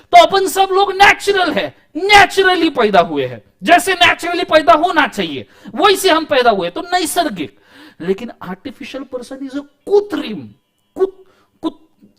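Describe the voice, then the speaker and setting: A man's voice: extremely high pitch, a bit bright. A man giving a law lecture, joking and theatrical as he teaches. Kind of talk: classroom lecture.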